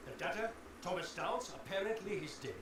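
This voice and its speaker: A man's voice: high-pitched, lively intonation, fairly quick, noisy background. An actor playing a cold, businesslike male moneylender in a video game. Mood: detached. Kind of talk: dramatic video game acting. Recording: distant echoey game audio, background bustle.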